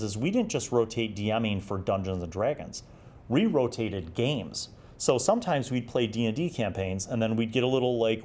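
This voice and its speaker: A man in his forties hosts an old gaming review series alone, reviewing and reminiscing in a casual, reflective, explanatory way. His voice is fairly low and a little mellow.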